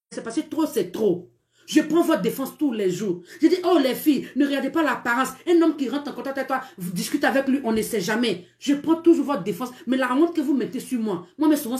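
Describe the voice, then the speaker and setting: A woman's voice: high-pitched, darkish tone, echoey room. A woman with a Cameroonian French accent hosting a live stream with dating advice, scolding emphatically, repeating herself and laughing as she talks. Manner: emphatic, scolding, repetitive, laughs while talking. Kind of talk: live-stream relationship talk.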